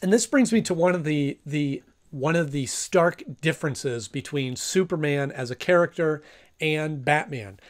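A man in his thirties hosts a video, giving a casual review to camera in a fairly high voice at a measured pace. He's indoors in a small room at home.

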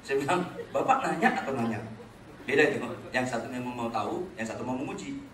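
A pastor giving a blunt, teasing sermon, moving between quiet asides and loud exclamations. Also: male voice, mid-range voice, expressive, fast, distant mic. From North Sumatra, Batak. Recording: echoey hall, voice from off-mic.

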